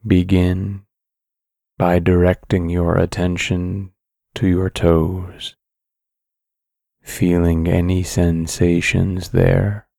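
Male sleep story narrator, calm and soothing, low-pitched, very even intonation, long pauses. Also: gravelly, no echo, studio quality.

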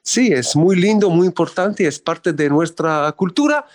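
A man's voice: sits high, lively intonation, normal speed, dry recording, studio quality. A man in his fifties from Israel, a diplomat answering interview questions with many fillers and restarts. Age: 50s. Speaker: diplomat guest.

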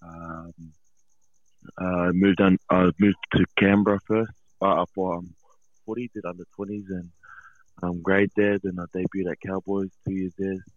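An Australian male athlete with a low voice, giving a casual interview. He speaks haltingly and modestly. His voice comes down a dry, muffled phone line. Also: level tone, no echo. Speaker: rugby league player. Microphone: phone call.

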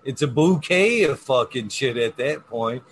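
A man's voice: medium pitch, lively intonation, unhurried. Sweary man rambling over background noise. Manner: coarse, heavily sweary, slangy. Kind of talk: casual rambling chat.

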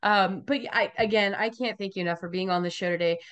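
A woman's voice: mid-range voice, fairly even intonation, fast, a bit bright, clear, resonant tone. A woman hosting a podcast interview, chatty and emphatic as she tells stories and gives warnings. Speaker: podcast host.

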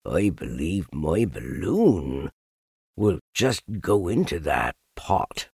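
A man voicing a melancholy donkey who speaks slowly and mournfully, murmuring as if to himself, in a storybook reading. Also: low-pitched, big pitch swings, darkish tone, slightly rough, dry recording, clean studio sound, pitched below the performer's own voice, exaggerated voice. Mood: quietly pleased. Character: gloomy, slow, melancholy male donkey.

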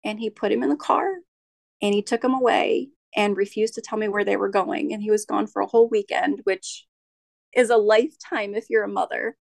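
Gravelly-voiced woman recounting her marriage. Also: medium pitch, steady tone, dry recording. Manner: halting, with frequent restarts and ums. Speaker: podcast guest. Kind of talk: candid interview storytelling.

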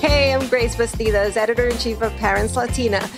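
Woman, podcast host, reassuring, higher pitch, faint music behind. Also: fairly even intonation, a little fast. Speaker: podcast host, magazine editor. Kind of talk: hosted podcast talk.

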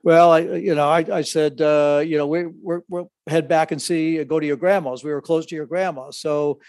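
An older man, a father co-hosting a podcast, talking in a halting way with many restarts. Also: a little high, fairly even intonation, darkish tone, no room sound, studio quality. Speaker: podcast co-host, the other host's father. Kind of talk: casual chat.

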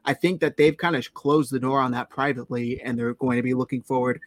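A man's voice: mid-range voice, flat delivery, quick pace, no room sound. A man with a dry, close voice talks casually on a sports podcast. He sounds upbeat and now and then drops in a sarcastic aside. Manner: enthusiastic, uses dry sarcasm. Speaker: podcast co-host.

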